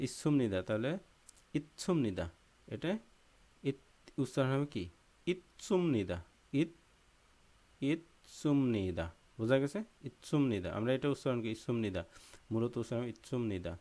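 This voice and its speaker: A man's voice: lowish voice, darkish tone. A young man teaching a language lesson, patiently explaining pronunciation rules and often checking that students follow. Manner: patient, repeats terms and checks understanding often. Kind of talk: explaining Korean grammar and pronunciation.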